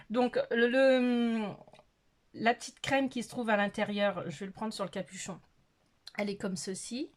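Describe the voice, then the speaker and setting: Chatty woman with a higher voice. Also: fairly even intonation, a little slow, pauses often. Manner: chatty, hesitant with many fillers, laughs at herself. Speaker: beauty vlogger. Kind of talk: casual makeup tutorial chat. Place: her bedroom. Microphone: phone camera.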